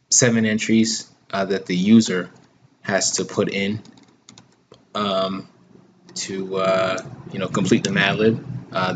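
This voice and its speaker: A low-voiced man walks through a how-to tutorial, halting and filling gaps with ums and uhs as he has the hiccups. A faint hiss sits under the recording. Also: a bit bright. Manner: hesitant, many ums and restarts. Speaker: app owner giving a tutorial.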